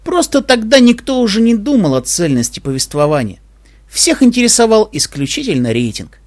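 A man's voice: high-pitched, big pitch swings, fairly quick, voice pushed up. A man voicing a wisecracking ship computer. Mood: serious.

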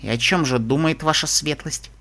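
Man doing a young unicorn mare, sarcastic, mocking, bright, lively. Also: mid-range voice, a little fast, pitched below the performer's own voice.

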